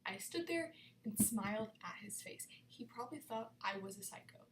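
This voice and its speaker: A young woman telling an excited, dramatic storytime, often dropping into whispers. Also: medium pitch, moderate pace, heavy background noise. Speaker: vlogger. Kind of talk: storytime vlog.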